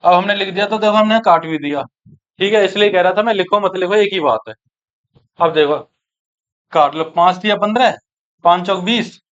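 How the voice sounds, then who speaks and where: A man teaching an exam-prep maths lesson, brisk and coaxing, who keeps checking that his students follow. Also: high-pitched, fairly bright tone, muffled recording.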